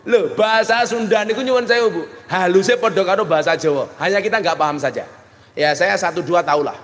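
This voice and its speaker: A middle-aged Javanese-accented preacher delivers a joking sermon, slipping between plain talk and mock voices. His voice sits a little high for a man. A long hall reverb trails after every phrase. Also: brisk, a bit bright, a little hiss or hum. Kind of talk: humorous sermon.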